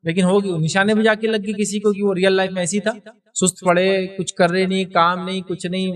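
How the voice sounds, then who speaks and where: A man's voice: high-pitched, far from the mic. A man giving an Islamic lecture with anecdotes, acting out the people in his stories. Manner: acts out quoted people in lively asides. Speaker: Islamic speaker.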